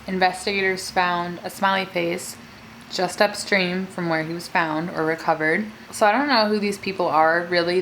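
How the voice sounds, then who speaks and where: A woman's voice: on the low side, a bit bright, a little hiss or hum, poor audio. A woman talking casually as a mukbang host, telling a true-crime story in a chatty way peppered with filler words. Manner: conversational, filler-heavy with frequent "like".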